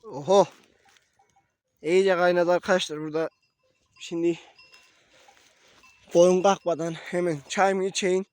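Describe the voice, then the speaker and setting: A young man with a voice hoarse from a cold, chatting casually to viewers from a mountain pasture. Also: high voice, level tone, unhurried, pauses often, a little mellow. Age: young adult. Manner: talks to viewers as friends, calls to his animals. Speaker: shepherd vlogger. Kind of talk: casual vlog narration outdoors. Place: mountain pasture outdoors, wind.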